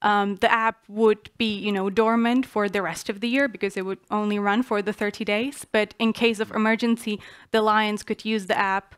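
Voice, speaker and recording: A young Czech woman, a student panelist, presents her proposal earnestly, with many fillers and small restarts. Her medium-pitched voice is smooth and clear, with a fairly flat melody, at normal speed. The sound is close and dry, with no room sound.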